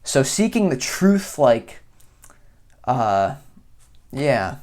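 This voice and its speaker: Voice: mid-range voice, very animated, extremely slow, a little mellow. A tarot reader giving a casual, goofy reading to camera, rambling and talking in loose, chatty asides.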